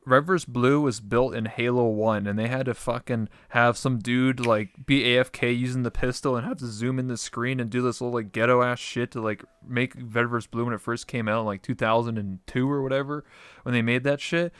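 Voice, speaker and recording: A man's voice: medium pitch, fairly even intonation, fairly quick, fairly bright tone, clear, resonant tone, dry recording. A man chatting casually in a rambling, slangy, sweary way. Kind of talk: casual interview chat.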